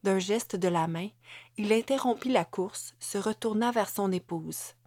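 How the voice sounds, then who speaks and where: A woman narrating an audiobook in a measured way, sometimes sinking to a whisper. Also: mid-range voice, darkish tone, no echo, studio quality.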